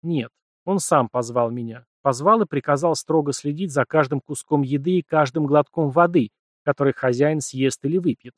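A man's voice: a little high, normal speed, dry recording, studio quality, natural voice. A man voicing a frightened young female slave and sorceress who speaks timidly. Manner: timid, pleading.

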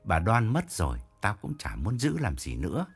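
A man's voice: fairly low pitch, wildly swooping pitch, moderate pace, faint music behind, voice pushed down, heavily acted. A man voicing a grieving older head of household who gives firm orders. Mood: commanding. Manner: commanding, gruff.

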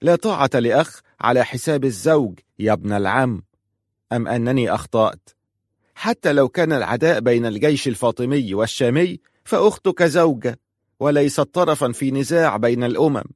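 A man's voice: medium pitch, brisk, no room sound, studio quality, natural voice. A man reading a storybook, voicing a defiant young woman who answers firmly and steadily. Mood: firm defiance. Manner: firm and steady.

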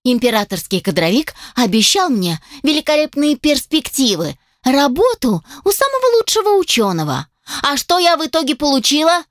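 A woman voicing a shrill, furious young elf woman. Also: sing-song, normal speed, dry recording, studio quality. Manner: shrill, squealing outbursts. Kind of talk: audiobook character voice.

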